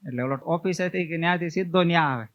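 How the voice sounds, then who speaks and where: A man's voice: fairly high pitch, fast talker, no room sound. A man, a swami telling homely family stories in a sermon and acting out what relatives say. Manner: homely storytelling, acts out family members' words. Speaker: swami preacher. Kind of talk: storytelling sermon. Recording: tinny, phone-like dry sound.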